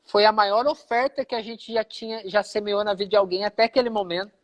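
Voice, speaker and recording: A man's voice: sits high, steady tone, brisk. A man with a Brazilian Portuguese accent, a pastor giving a personal testimony in a live conversation, who acts out the dialogue he quotes.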